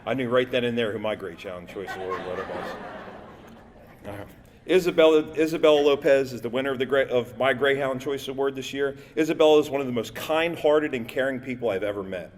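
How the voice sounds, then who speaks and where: A man's voice: medium pitch, brisk, some chatter behind, a little hiss or hum. Male teacher in his 50s presenting a school award, jokey and a bit stumbling, long hall reverb. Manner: jokey, loose, stumbles over words. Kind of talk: prepared award speech with asides.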